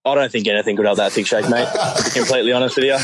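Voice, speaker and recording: A man's voice: medium pitch, fairly even intonation, racing, background noise. An Australian man chatting casually as a phone-in guest, with a slangy, laid-back tradesman's way of talking. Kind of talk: casual banter.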